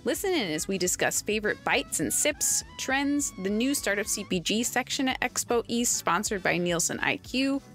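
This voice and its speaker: A woman's voice: fairly high pitch, big pitch swings, normal speed, few pauses, a bit bright, faint music behind. A woman hosting a podcast, reading an upbeat scripted intro and then chatting with guests. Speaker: podcast host.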